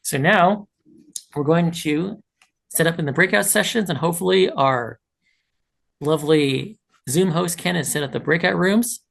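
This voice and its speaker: A man's voice: on the high side, unhurried, vocal fry, fairly bright tone. A man who is losing his voice, giving an encouraging online training presentation as a leadership trainer over a video call. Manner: encouraging, practical advice with asides.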